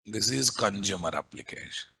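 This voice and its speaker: Gravelly Telugu-accented man teaching coding. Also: on the low side, lively intonation, moderate pace, sharp tone. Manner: repeats himself, peppers students with questions. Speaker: programming instructor. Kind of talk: live coding lesson to students.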